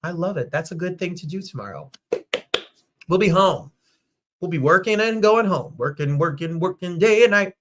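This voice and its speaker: Upbeat Midwestern male host, fairly high voice, chatty livestream from home. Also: animated, moderate pace, background noise. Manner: upbeat, chatty, greets viewers by name. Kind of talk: casual livestream chat.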